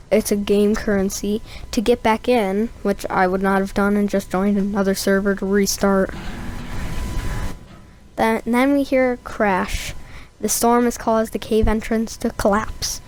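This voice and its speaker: A woman's voice: medium pitch, steady tone, a little slow, darkish tone, slight background noise. A young woman giving a casual, rambling voice-over of her gameplay, full of fillers and asides. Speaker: gameplay narrator.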